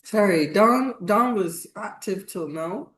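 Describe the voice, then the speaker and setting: Over a video call, a woman hosts an online meeting, calling on each participant in turn for roll call and tripping over a few names. Her voice is medium-pitched, animated and slow.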